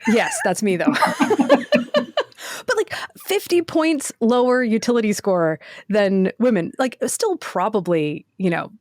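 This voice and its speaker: A woman co-hosting a casual podcast discussion, animated and quick to laugh, acting out quoted answers. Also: medium pitch, no room sound, clean studio sound. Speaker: podcast co-host.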